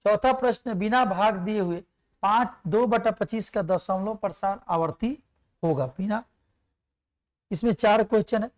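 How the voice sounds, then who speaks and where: A man's voice: high-pitched, measured pace. A man teaching an exam-prep math lesson, explaining step by step, asking questions and answering them himself, and reciting numbers and tables aloud.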